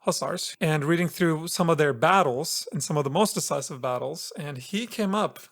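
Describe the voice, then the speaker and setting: A man co-hosting a podcast, telling a story in a chatty, relaxed way with playful asides. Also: a little high, moderate pace, vocal fry. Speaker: podcast co-host presenting the episode's story. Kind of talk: casual podcast chat.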